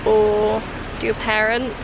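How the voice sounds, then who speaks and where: A woman's voice: medium pitch, monotone, slow, muffled recording. A British woman in her twenties chatting casually to a handheld camera as she vlogs outdoors at a resort. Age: 20s. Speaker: vlogger on honeymoon. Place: outdoors at a resort, by and in an open-air pool. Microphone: handheld camera at arm's length. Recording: noisy outdoor holiday camera audio.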